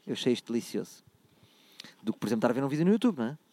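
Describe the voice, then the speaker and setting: A man's voice: mid-range voice, very animated, rapid-fire, mellow, no echo. A man from Portugal with a European Portuguese accent, hosting a comic podcast and playfully reading phrases in a mock-Italian voice. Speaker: podcast host. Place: out and about, travelling.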